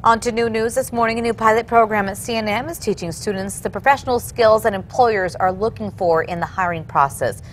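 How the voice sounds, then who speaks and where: A woman's voice: medium pitch, brisk, hardly any pauses, slight background noise. A woman working as a news anchor, reading scripted television news stories.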